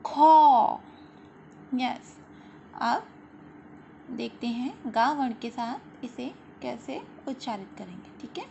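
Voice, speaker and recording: Speaking at a fairly high pitch with expressive delivery and some vocal fry, a woman takes young children through a school lesson. She stays slow and patient, stretching out sounds for the class to echo and often asking "ठीक है" or saying "very good." A faint hiss runs through the slightly dull, lo-fi recording.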